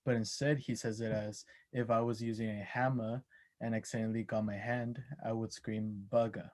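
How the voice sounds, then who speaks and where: A man's voice: fairly low pitch, level tone, moderate pace. A young man giving a class oral presentation, hesitant, with many ums and restarts. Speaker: student presenter.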